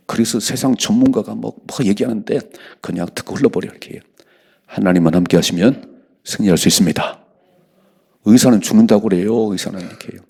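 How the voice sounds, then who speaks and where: Gravelly, husky male pastor preaching. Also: sits low, darkish tone. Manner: exhorting, calls for amens. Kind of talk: early-morning sermon. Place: church sanctuary.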